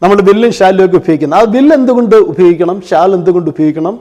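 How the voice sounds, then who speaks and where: A man's voice: high-pitched, quick pace, mellow, big-room sound, highs cut off. A man teaching English grammar for exam coaching, explaining step by step and asking and answering his own questions, with English terms mixed into his talk. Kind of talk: classroom-style lesson.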